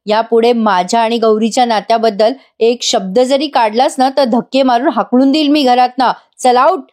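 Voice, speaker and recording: A woman's voice: on the high side, fairly even intonation, moderate pace, darkish tone, natural voice. A woman voicing a stern, angry husband in a retold TV serial scene, scolding firmly.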